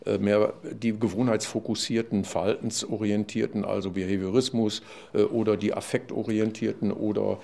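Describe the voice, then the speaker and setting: An older man, a psychology professor, explaining at length in an interview, with many fillers and restarts and a louder voice when he quotes others. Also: on the low side, normal speed, vocal fry, few pauses. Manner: animated, loud when quoting others. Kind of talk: conversational explanation.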